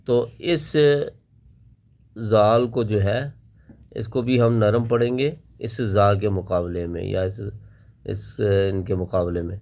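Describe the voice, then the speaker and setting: A man's voice: fairly low pitch, little pitch movement, darkish tone. A man teaching Quran letter pronunciation, explaining each sound and then drilling it syllable by syllable. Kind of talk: slow step-by-step recitation lesson.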